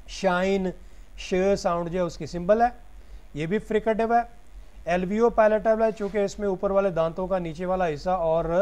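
A man's voice: high-pitched, a little mellow. A man giving a recorded lecture, explaining each point step by step and answering his own questions.

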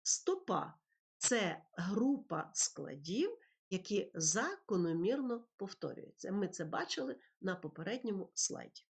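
A woman teacher narrating a lesson over slides, speaking slowly and clearly as she explains poetry and meter. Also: mid-range voice, big pitch swings. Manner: slow, clear, explanatory delivery with recited verse.

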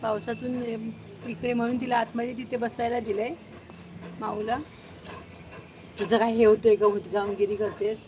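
A woman's voice: a little high, level tone, moderate pace, long pauses, noisy background. A woman hosting a casual live stream at home, cooing baby talk to her cat and dog and scolding them sharply. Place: outdoors at home near a gate.

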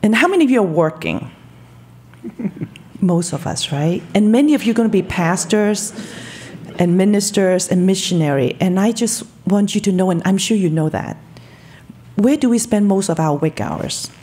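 With slight background noise, a woman in her fifties from Hong Kong talks as a guest in a podcast studio interview through a studio mic on a boom arm. She is a telecom marketing director, and her medium-pitched, mellow voice is expressive at normal speed, earnest and enthusiastic.

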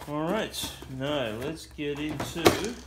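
This man's voice runs a little high, with lively intonation. Taking his time, he rambles through a casual show-and-tell of a vintage building set in a cluttered toy room, filler words everywhere, all recorded on noisy home video.

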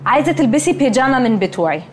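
A woman's voice: high voice, lively intonation, racing, a little hiss or hum. An actress playing a haughty, spoiled young woman who brushes others off and drops English words into Egyptian Arabic. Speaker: Nelly, comic film character. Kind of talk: Egyptian comedy film acting.

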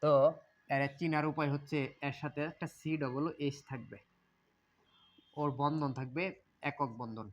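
Male chemistry tutor, slightly high voice, repetitive question-and-answer delivery. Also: normal speed, pauses often, highs cut off. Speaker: chemistry teacher. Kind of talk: classroom lecture.

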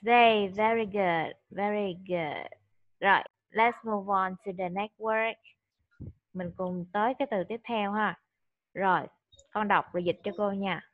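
A woman's voice: medium pitch, fairly even intonation, unhurried, phone-quality sound. A woman tutoring a child in English vocabulary, patient and coaxing, mixing Vietnamese and English.

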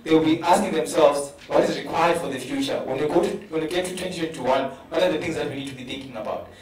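Fast and on the high side, a male professor with a South African English accent speaks earnestly in a panel discussion, often repeating words as he builds toward a point. Crowd noise is present, and his handheld mic is recorded from a distance in a roomy hall.

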